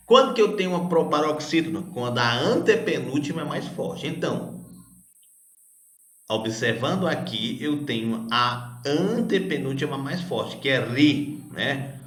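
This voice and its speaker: A man, a teacher, patiently correcting a grammar worksheet for children, asking questions and answering them himself, spelling out syllables slowly. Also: medium pitch, expressive, fairly bright tone. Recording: echoey room.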